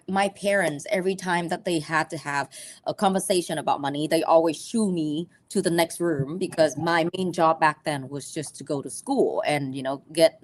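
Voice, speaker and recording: A woman from Vietnam, teaching a live personal finance class in a halting way full of ums and restarts. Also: lowish voice.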